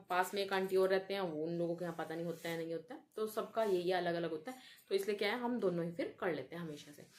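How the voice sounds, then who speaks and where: A woman's voice: lowish voice, darkish tone, slight background noise. A young woman with an Uttar Pradesh Hindi accent, chatting casually to her viewers at home in a festival vlog. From Uttar Pradesh, India. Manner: chatty, addresses viewers directly as guys. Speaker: vlogger.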